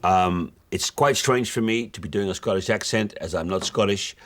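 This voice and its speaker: A self-absorbed, oblivious rock musician, played by a man in a mockumentary, rambling on in a flat, deadpan voice. He drifts between thoughts with small hesitations, never noticing how absurd he sounds. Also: lowish voice, moderate pace, close to an everyday voice. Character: vain, oblivious middle-aged male rock musician. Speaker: aging rock star. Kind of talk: mockumentary monologue.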